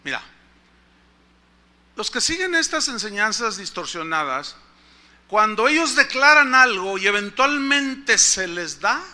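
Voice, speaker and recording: Pastor preaching, high voice, keeps asking the congregation stuff. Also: male voice, very animated, measured pace, long pauses, pushed and bright. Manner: emphatic, asks the congregation questions. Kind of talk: sermon.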